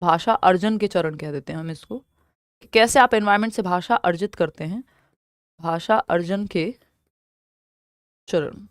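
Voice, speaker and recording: A young woman with an Indian accent teaching an exam-prep lesson. She explains step by step, repeats key terms slowly and asks questions that she answers herself. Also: on the low side, dry recording, studio quality.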